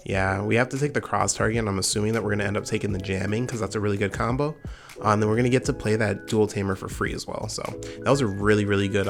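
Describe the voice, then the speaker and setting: A summer cold gives this young man's gravelly, lowish voice a slightly nasal edge as he hosts his card game channel. He offers casual gameplay commentary in a fast, upbeat gamer manner.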